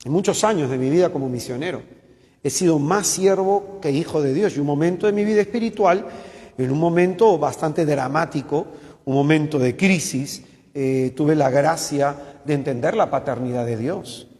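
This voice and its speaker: A man's voice: on the high side, normal speed, darkish tone, in a large hall. A man who is a missionary, teaching a Bible course and often asking his listeners questions. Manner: asks the listeners many questions. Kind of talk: spoken Bible lesson.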